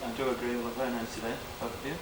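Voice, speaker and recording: A man gives an informal best man's speech, reading out cards in a hesitant, self-deprecating way. His mid-range voice is picked up from afar in an echoey room with clear background noise. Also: medium pitch, little pitch movement, racing. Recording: echoey room, distant mic, noisy background.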